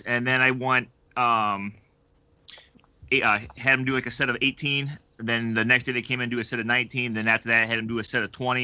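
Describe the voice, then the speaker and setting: A man's voice: mid-range voice, no echo. A man speaking casually as a coach on a podcast panel, loose and full of fillers. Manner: relaxed, hedging with fillers. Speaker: strength coach, panel guest.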